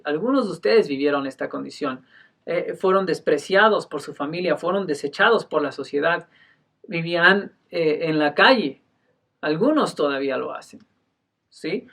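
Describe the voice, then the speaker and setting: A male pastor giving a sermon, emphatic, moving between loud and soft delivery and often clearing his throat. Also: high-pitched, recorded from a distance.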